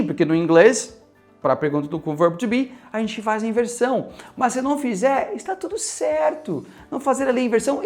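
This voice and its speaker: A man with a Brazilian Portuguese accent giving a casual English lesson, mixing in English phrases and checking in often with the viewer. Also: high voice. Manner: animated, mixes in English phrases, keeps checking in with "ok?". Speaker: English teacher.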